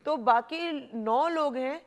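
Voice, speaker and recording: A woman's voice: sits high, slow. A woman with a Pakistani Urdu accent hosting a television health talk show, chatty and mixing English phrases into her speech. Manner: chatty, mixes English phrases in, frequent "hmm" backchannels. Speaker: TV show host.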